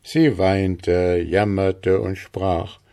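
A man narrating a fairy tale in a calm, measured way. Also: deep voice.

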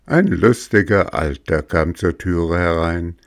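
Male storybook narrator, very deep and unhurried, dry close recording. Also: creaky, dry recording.

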